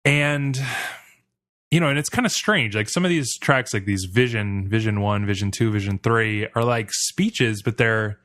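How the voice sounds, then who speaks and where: A man's voice: on the low side, moderate pace, fairly bright tone, no room sound. Blunt man talking music, dry sound. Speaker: podcast co-host. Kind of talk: casual music review chat.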